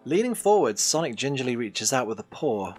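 Lively man narrating a game book. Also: medium pitch, brisk, soft background music. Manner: lively storyteller, slipping into hesitant filler-heavy asides. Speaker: game master and podcast co-host. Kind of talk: reading an adventure game book aloud to a player.

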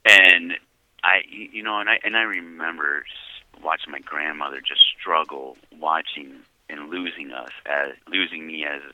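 A man's voice: a bass voice, normal speed, no room sound. A man calling on a prison phone line, telling his story in a reflective way and often asking if he's understood. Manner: reflective storytelling, often asks "you know what I mean?". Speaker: incarcerated caller. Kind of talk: casual chat.

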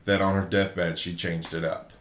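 Rambling, low-voiced man in casual chat. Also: level tone, moderate pace, a bit bright. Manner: rambling, profane, loses his train of thought. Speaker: podcast co-host. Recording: roomy echo.

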